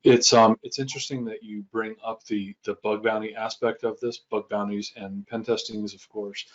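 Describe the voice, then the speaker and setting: A man answering as a panel guest, his voice low and very flat in tone. He talks in a measured, deliberate way, and the call audio comes through dull. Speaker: panel guest, pen tester. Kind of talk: panel discussion.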